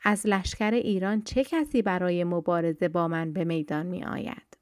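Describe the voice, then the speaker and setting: A woman voicing an arrogant, boastful male enemy champion in a told story, read in a low, quiet voice. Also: steady tone, dry recording, studio quality, natural voice. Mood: sneering.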